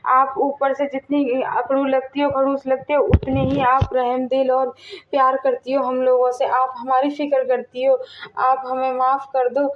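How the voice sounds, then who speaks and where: A dutiful young daughter-in-law played by a woman, polite and obedient, with a high, level voice. The recording is dull, with faint music underneath. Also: completely flat delivery, measured pace, slight background noise. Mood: apologetic. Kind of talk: family drama voice acting.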